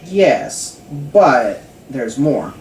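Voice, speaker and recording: A man's voice: medium pitch, drawn-out words, slight background noise. A man playing a tabletop game, talking in a hesitant way and repeating words. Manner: animated, hesitant, repeats himself. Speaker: player. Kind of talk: casual tabletop play. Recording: distant from mic in an echoey room.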